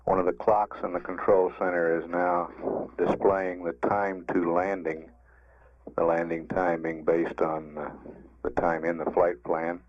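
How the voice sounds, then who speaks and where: A low-voiced man reads formal mission status updates in a flat, measured tone. The sound is a slightly dull archive radio broadcast, and his delivery is strictly factual. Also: dry recording. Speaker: mission control public affairs announcer.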